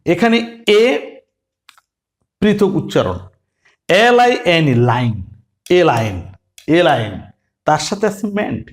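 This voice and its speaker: A man's voice: on the high side, very animated, slow pace, pauses often. A man teaching beginners to spell words, spelling them letter by letter and answering his own questions. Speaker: English teacher.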